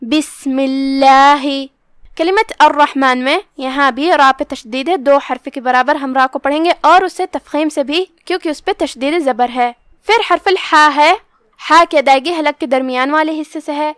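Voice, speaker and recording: A woman teaching Quran recitation, slowly and carefully explaining how each letter is pronounced. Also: high voice, fairly bright tone, dry recording, studio quality. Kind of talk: step-by-step tajweed lesson.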